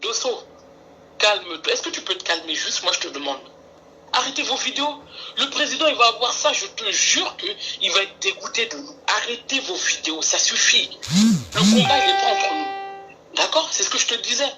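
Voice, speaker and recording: A woman calling in to a live stream, talking earnestly and pleading for calm. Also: medium pitch, normal speed, music in the background, rough recording. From France. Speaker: caller. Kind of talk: phone call on a live stream.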